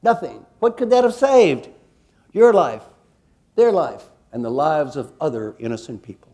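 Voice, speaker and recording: A man's voice: on the high side, moderate pace. An older man leading a workshop, teasing the audience, asking them questions and acting out quotes. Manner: animated, teasing, quizzes the audience and acts out quotes. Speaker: leadership coach leading a workshop. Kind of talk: interactive seminar talk to an audience.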